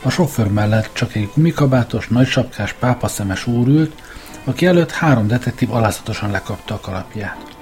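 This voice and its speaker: A man giving a measured, scripted first-person narration of a story as an audiobook reader. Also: mid-range voice, animated, a little mellow, soft background music.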